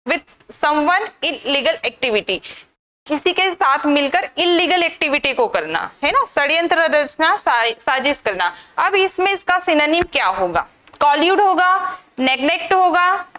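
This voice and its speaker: High-voiced woman teaching a live class. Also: fairly bright tone. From India. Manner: scolding, drilling students with rhetorical questions. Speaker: English vocabulary teacher.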